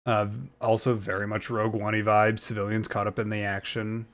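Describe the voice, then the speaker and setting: Young male YouTuber, slightly low voice, casual rambling reaction, lots of fillers. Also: little pitch movement, fairly quick, a bit bright. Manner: rambling, hesitant, many fillers.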